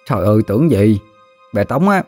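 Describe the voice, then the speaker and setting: A man's voice: lowish voice, sing-song, fairly quick, a little mellow, soft background music. A man voicing a chubby, joking village boy, offhand and lazy.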